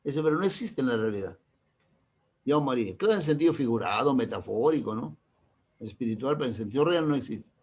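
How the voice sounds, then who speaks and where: A middle-aged man stands at the front of a class, walking through grammar rules in an easy, mid-pitched voice. He keeps stopping to check that everyone follows, firing off short questions to the room. Now and then he slips in a teasing example to keep the lesson light. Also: expressive, darkish tone, slightly rough. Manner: constantly checks understanding with quick questions. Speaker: language teacher.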